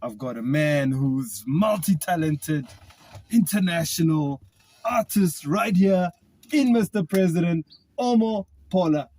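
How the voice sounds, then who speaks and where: A man hosting a podcast from inside a classic car, upbeat and enthusiastic, laughing often and giving shout-outs. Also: fairly high pitch, animated, unhurried. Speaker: podcast host. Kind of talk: casual podcast chat.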